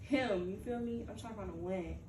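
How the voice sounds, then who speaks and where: A woman's voice: medium pitch, brisk, darkish tone. Laughing young woman, roomy far mic. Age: 20s. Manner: laughs often, loose and joking. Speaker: host. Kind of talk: casual chat. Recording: roomy, distant mic with faint noise.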